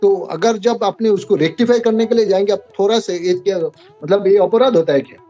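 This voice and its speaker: A man taking part in a devotional class, making a halting point and acting out example remarks. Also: high-pitched, warm tone, lo-fi sound, soft background music. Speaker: class participant. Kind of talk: question in an online class.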